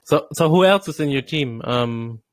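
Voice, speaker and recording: A man's voice: mid-range voice, animated, normal speed, no room sound. A man hosting an online interview in a casual, upbeat, promotional way. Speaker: host.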